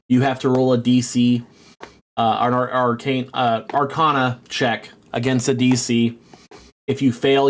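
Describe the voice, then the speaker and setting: Man, game master, rambling narration, lots of ums, mid-pitched voice, gets excitable. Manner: rambling, filler-heavy, excitable.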